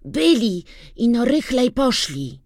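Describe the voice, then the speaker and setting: A narrator voicing a young farm boy who speaks in high, eager exclamations, in an audiobook. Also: sing-song, takes it slowly, darkish tone, no echo, studio quality, full character voice. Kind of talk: audiobook reading.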